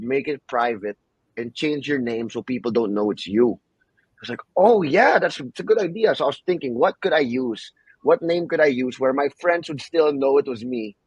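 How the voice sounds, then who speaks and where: Husky laid-back young man chatting. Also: fairly high pitch, no room sound, highs cut off. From Philippines. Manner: laid-back, says "bro" and "you know what I mean" a lot. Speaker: podcast host. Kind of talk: casual chat.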